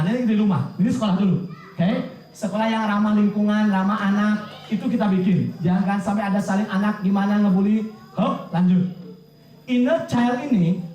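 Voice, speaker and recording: A man giving a parenting talk to parents, animated and checking in with the audience through quick questions. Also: high voice. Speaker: parenting speaker. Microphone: distant from the mic. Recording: echoey hall, distant mic.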